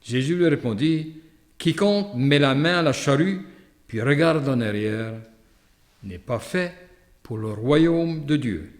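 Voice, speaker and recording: A priest with a Canadian French accent speaks at medium pitch in an animated yet measured way. His homily moves from a gospel reading into a reflective, anecdotal sermon punctuated by hesitant asides.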